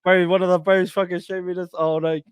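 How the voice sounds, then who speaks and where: A man's voice: high-pitched, little pitch movement, fairly quick, clear, resonant tone, no echo. A man with a New Zealand accent hosting a casual interview, matey and slangy, often repeating his words. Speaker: podcast host.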